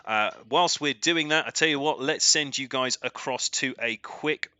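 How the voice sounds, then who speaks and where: Guy calling a drift battle live, super bright sharp voice, gets hyped. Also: medium pitch, moderate pace, smooth, no echo. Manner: energetic, rising excitement during battles. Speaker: drift race commentator. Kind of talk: live sim racing commentary.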